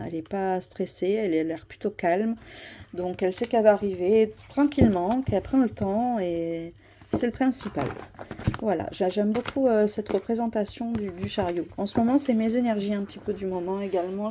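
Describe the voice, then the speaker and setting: A woman's voice: mid-range voice, normal speed, mellow, slight background noise. A woman chatting casually about her tarot cards, hesitant, with many fillers and restarts. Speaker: tarot vlogger. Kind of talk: casual show-and-tell.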